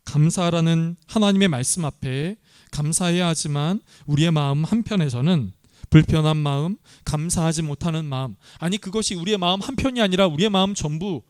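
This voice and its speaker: A man delivers a sermon, turning often to the congregation with questions. His voice is clear and resonant and pitched somewhat high, and the sound is close and dry with no room echo. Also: fairly quick, darkish tone. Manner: earnest, asks the congregation questions. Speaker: pastor.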